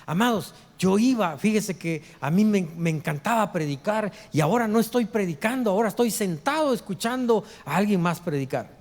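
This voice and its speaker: A middle-aged man, a pastor preaching a sermon, dropping to hushed low lines and rising for loud quoted voices. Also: animated, normal speed, few pauses. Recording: long hall reverb.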